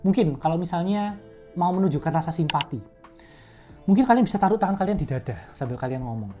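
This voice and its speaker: A woman's voice: lowish voice, animated, fast, over music. A young woman in a casual educational vlog, coaching public speaking in a chatty, step-by-step way. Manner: chatty and conversational, explains step by step.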